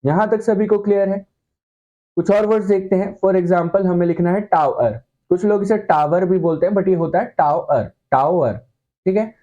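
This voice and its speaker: High, mellow-voiced man teaching shorthand. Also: steady tone, moderate pace, highs cut off. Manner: explains with playful analogies, checks in often. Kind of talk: online classroom lesson.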